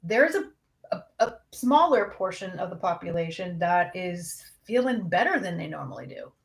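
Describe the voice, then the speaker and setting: A woman's voice: lowish voice, animated, normal speed. A young adult woman counselor talking candidly and conversationally about anxiety to a live audience. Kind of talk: casual talk on anxiety.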